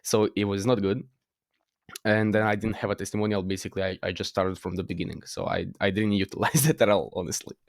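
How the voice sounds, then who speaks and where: A man's voice: lowish voice, little pitch movement, fast, creaky, no echo, studio quality. A teenage man with a Croatian accent, a guest in a casual interview, talking hesitantly with many fillers and restarts. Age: teens. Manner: hesitant, frequent fillers and restarts, laughs at himself.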